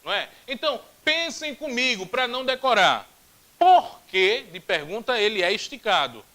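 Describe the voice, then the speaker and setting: Brazilian guy teaching grammar, high voice that jumps all over, drills stuff aloud, jokey. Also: moderate pace, poor audio. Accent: Brazilian Portuguese. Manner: animated, repeats drills aloud, jokey asides. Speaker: Portuguese teacher. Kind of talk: grammar video lesson.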